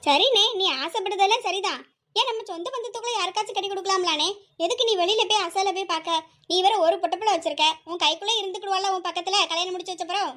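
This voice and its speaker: A woman voicing a stern, scheming middle-aged aunt with a sharp, scolding way of talking. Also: extremely high pitch, rapid-fire. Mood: calm, wary. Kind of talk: hobby audio drama.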